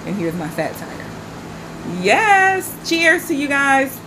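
A vlog host in her forties from the Carolinas chats to camera on an outdoor patio at night, relaxed and smoking as she goes. Congestion makes her high-pitched voice a little nasal, she speaks slowly, and background noise is present.

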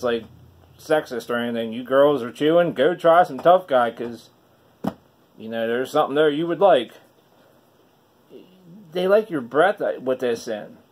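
A middle-aged man chatting casually to camera as a product reviewer, talking with a lip full of chewing tobacco. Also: on the high side. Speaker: online dip reviewer. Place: small wood-paneled room indoors. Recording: noisy room recording.

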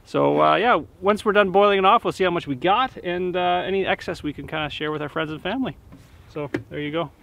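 A man in his thirties, chatting casually as he films himself outdoors in a snowy forest, relaxed and full of fillers and restarts. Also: sits high, fairly quick, creaky. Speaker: homesteading vlogger. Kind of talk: casual vlog narration. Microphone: handheld camera held at arm's length.

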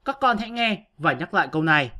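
A man's voice: a little high, animated, quick pace, sharp tone. A male teacher giving an online grammar lesson, patiently explaining step by step to his pupils.

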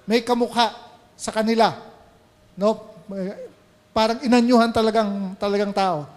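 A man's voice: sits high, fairly even intonation, a little slow, darkish tone, in a large hall. A male pastor with a Filipino accent preaching a sermon, switching between Tagalog and English and asking the congregation questions. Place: church sanctuary.

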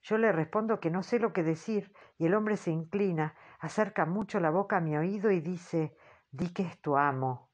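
A woman narrating an audiobook in the first person, in a measured, earnest storytelling manner. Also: on the low side, a little mellow.

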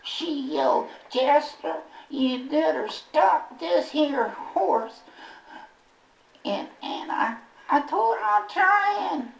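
A man's voice: extremely high pitch, expressive, extremely slow, creaky, voice pushed up, exaggerated voice. Man doing a folksy old bird puppet. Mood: rambling. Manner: country folksy talk, rambling storyteller. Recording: roomy echo, from far off.

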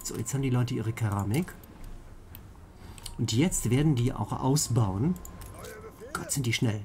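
Dude doing chill gameplay commentary, warm low-key tone, talks to himself a lot, bit of noise. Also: male voice, animated, unhurried. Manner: playful, repeats words, mutters to himself. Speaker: let's play host.

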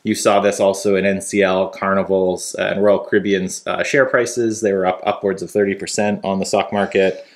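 A man in his thirties co-hosting a casual news chat from a living room couch, talking in a relaxed, easygoing way. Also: low voice, moderate pace, hardly any pauses. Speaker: co-host.

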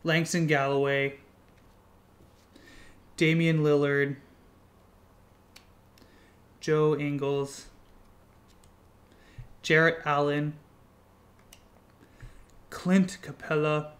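Higher-voiced chatty Canadian young man. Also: level tone, drawn-out words, long pauses. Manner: chatty, explains card prices and grading. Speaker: co-host of a card-opening channel. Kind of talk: casual chat while opening trading cards.

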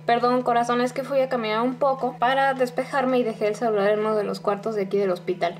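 A woman's voice: fairly high pitch, fairly even intonation, fast, lightly acted. A woman voicing a young male medical student on a night shift, teasing and unbothered. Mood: joking.

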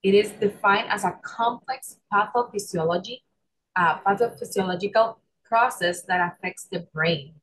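A young chiropractor from Puerto Rico, speaking with a Puerto Rican Spanish accent, gives an online lecture over a video call, explaining with frequent ums and restarts. Her mid-range voice is a bit bright, and the recording is low quality.

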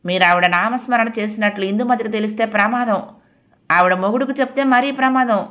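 Sly, mocking male coworker, pitched up, put on by a woman narrator. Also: brisk, a bit bright, natural voice. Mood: conspiratorial. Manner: mocking, conspiratorial. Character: sly teasing male office colleague.

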